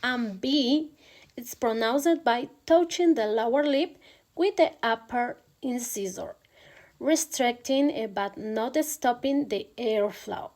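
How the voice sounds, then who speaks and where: A woman's voice: a little high, slow, a little mellow. Hesitant woman presenting a lesson. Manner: hesitant, frequent "eh" fillers. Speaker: student presenter. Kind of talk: recorded class presentation.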